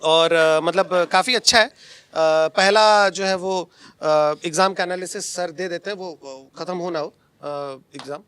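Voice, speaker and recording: A man's voice: high voice, fairly even intonation, normal speed, a bit bright, slight background noise. A young man, a coaching teacher, chatting casually and teasing his colleagues with frequent laughs. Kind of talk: casual joking chat among colleagues.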